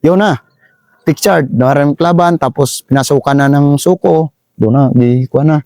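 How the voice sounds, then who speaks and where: Visayan-accented middle-aged soldier, halting storyteller with a rough, gravelly voice and a fairly high pitch. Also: male voice, mellow, no echo, studio quality. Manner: halting, repeats phrases, keeps saying "sir". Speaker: army sergeant telling a war story. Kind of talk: interview storytelling.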